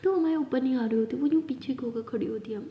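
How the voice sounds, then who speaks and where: A young woman telling a first-person romantic story in a soft, intimate voice that often drops to a half-whisper. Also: high voice, fast, dull audio. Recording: echoey room with faint noise.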